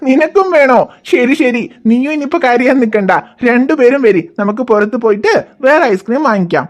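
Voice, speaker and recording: A gentle, patient cartoon father, voiced by a woman coaxes his crying child with soft reassurance. The voice sits a little high and stays calm and steady. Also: moderate pace. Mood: soothing. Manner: soothing, coaxing, reassuring. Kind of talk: cartoon voice acting.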